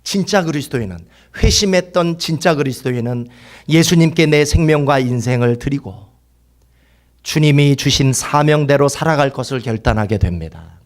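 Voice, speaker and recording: A male pastor preaching a fervent sermon, swinging from loud exclaiming to hushed whispers and having the congregation repeat lines after him. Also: medium pitch, moderate pace.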